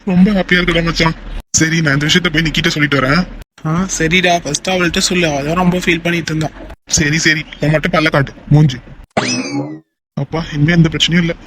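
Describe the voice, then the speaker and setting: A young man in a homemade cartoon, voiced by a man, slightly high-pitched. He bursts out with loud exclamations and teases his friends. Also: steady tone, quick pace, noisy background, close to an everyday voice. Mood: excited banter. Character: excitable young man, emotional and teasing. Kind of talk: amateur cartoon voice acting.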